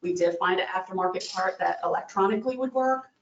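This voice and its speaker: A woman's voice: medium pitch, fast talker, slight background noise. Lady from maintenance explaining stuff, lots of ums, far off echoey dull mic. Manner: explanatory, with frequent fillers. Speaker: maintenance department staff. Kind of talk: presenting a request at a public meeting. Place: county meeting room. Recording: distant, echoey, dull room audio.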